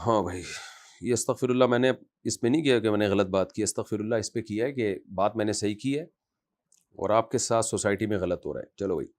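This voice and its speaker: A man, an Islamic scholar, answering a question in a conversational religious talk, scolding and forceful in manner. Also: lowish voice.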